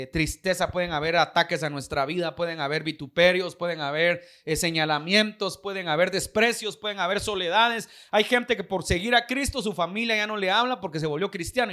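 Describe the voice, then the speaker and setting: Man, pastor, Guatemalan Spanish accent, sermon, high voice, bright tone. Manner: preaching with questions to the congregation.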